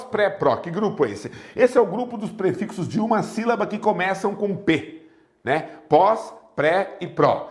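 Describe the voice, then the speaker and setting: A man with a Brazilian Portuguese accent teaching a lively exam-prep grammar lesson, often asking rhetorical questions. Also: high voice.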